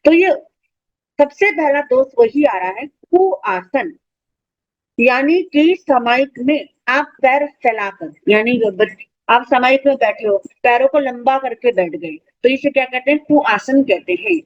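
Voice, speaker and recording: A woman with a high, light voice teaches children in an online class. She explains each point patiently and poses questions she then answers herself. The sound is dull and lo-fi. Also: lively intonation, a little slow.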